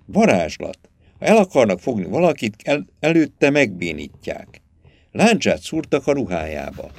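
A man voicing a sharp-eyed young hunter who reports what he finds in short, urgent bursts. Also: mid-range voice, sing-song, no room sound.

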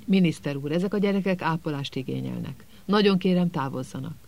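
A man's voice: a little high, creaky, darkish tone. A man doing an insistent, scolding school nurse. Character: stern fussy female school nurse.

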